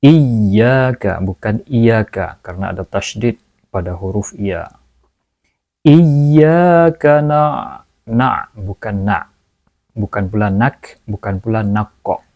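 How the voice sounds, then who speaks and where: A man teaching correct Quran pronunciation, moving between slow chanted recitation and brisk explanation. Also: lowish voice, steady tone, darkish tone, no room sound. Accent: Indonesian. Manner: alternates slow melodic chanted recitation with quick spoken explanation.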